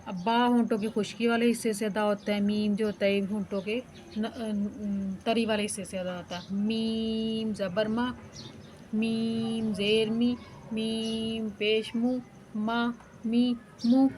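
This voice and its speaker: Pakistani urdu lady teaching quran letters, drags out syllables then rushes the rules, a bit of hiss behind. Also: a little high, flat delivery, a little mellow. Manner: chants syllables slowly, then explains quickly. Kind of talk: recitation lesson.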